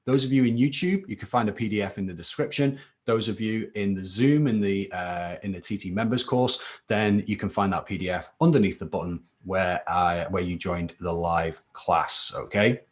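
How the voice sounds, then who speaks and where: A man's voice: low voice, normal speed, few pauses. Chatty man teaching a live class. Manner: chatty, keeps adding "okay?" to check in. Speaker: chemistry tutor. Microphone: computer mic for a live stream.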